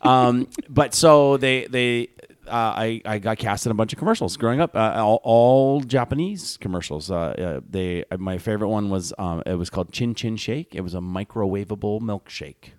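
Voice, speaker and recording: A man's voice: on the low side, moderate pace, dry recording, studio quality. A man from Hawaii, a podcast guest telling rambling stories full of fillers and restarts. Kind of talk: casual podcast chat.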